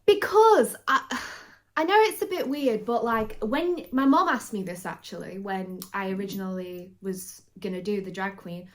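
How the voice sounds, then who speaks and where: A woman's voice: medium pitch, moderate pace. A woman chatting casually as co-host, giggling often between remarks. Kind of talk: casual chat.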